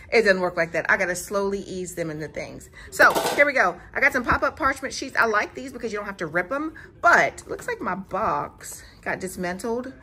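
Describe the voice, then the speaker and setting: Chatty woman filming her grocery haul. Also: mid-range voice. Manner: chatty, animated, talks straight to viewers. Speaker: family vlogger. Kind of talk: casual grocery haul vlog. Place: home kitchen, indoors. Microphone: phone camera held close.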